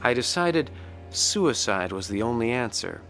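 A man's voice: mid-range voice, sing-song, measured pace, fairly bright tone. Male narrator, troubled veteran ex-addict, earnest first-person radio drama, music behind. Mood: reflective, regretful. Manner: earnest, reflective. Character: troubled Vietnam veteran heroin addict telling his story. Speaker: narrator and lead actor.

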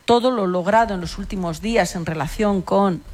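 A woman giving measured, formally worded commentary as a radio panellist. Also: medium pitch, a little mellow.

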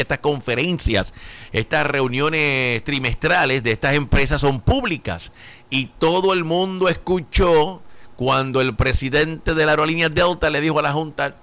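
A man's voice: fairly high pitch, a bit bright. A man hosting a radio talk show, chatting casually, laughing often and dropping in English words.

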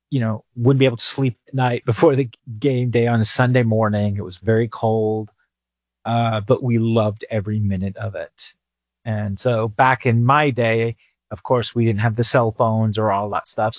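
A man raised in England, a financial advisor answering interview questions in a relaxed, thoughtful way. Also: mid-range voice, normal speed, no room sound.

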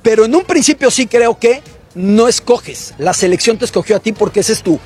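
Husky, very high-voiced pundit. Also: male voice, lively intonation, moderate pace, a little mellow, faint music behind. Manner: reasoned, explanatory. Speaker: sports journalist. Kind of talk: casual panel chat.

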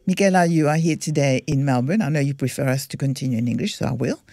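A radio host announcing the program and interviewing a guest in a brisk manner. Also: mid-range voice, gravelly, darkish tone, no echo, clean studio sound. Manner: brisk, switches between announcing and questioning.

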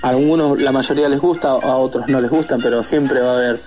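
A man's voice: medium pitch, steady tone, fast, darkish tone, lo-fi sound, faint music behind. A man from Argentina with an Argentine accent, a guest talking casually in an interview, hesitant with many fillers and restarts. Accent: Argentine Spanish.

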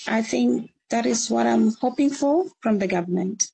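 A returnee guest from northern Uganda answers interview questions earnestly and encouragingly in a Ugandan accent. Her fairly high voice moves at normal speed and sounds creaky, husky and dark-toned, and the audio quality is poor.

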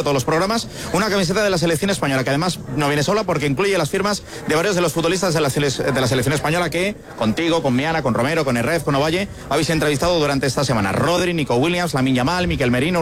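A man co-hosting a sports radio show, announcing a giveaway in a promotional tone and listing names. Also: on the high side. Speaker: radio co-host. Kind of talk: on-air announcement.

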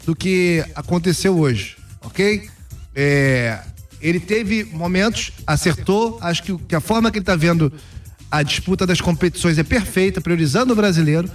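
A man's voice: high voice, recorded from a distance. A man commentating on football in a radio sports debate, blunt and emphatic.

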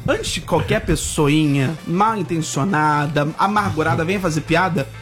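A man's voice: fairly high pitch, normal speed, fairly bright tone, faint music behind. A man in his thirties hosting a talk show, playful and theatrical as he announces guests. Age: 30s. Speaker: host.

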